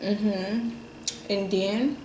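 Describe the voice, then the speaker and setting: This Jamaican woman is a mukbang host who chats casually while she eats, rambling through stories packed with fillers. Her mid-range voice keeps a steady tone and moves very slowly, set against a loud crowd. The recording sounds roomy, with faint background noise.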